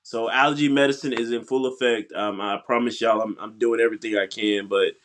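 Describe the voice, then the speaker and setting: A congested male podcast co-host in casual sports chat, speaking haltingly with many ums and uhs. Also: mid-range voice, steady tone, fairly bright tone, a little hiss or hum.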